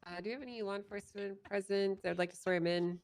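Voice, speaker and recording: A woman's voice: medium pitch, steady tone, quick pace, a little mellow, lightly acted. A woman playing a patient, dryly amused judge in an improvised courtroom role-play, polite and conversational. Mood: polite, procedural.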